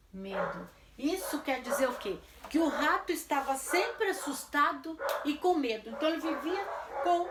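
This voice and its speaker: A woman's voice: high voice, echoey room, a little hiss or hum. A woman teacher with a Brazilian Portuguese accent gives a class lesson for children. She stretches words out syllable by syllable and answers her own questions. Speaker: primary school teacher.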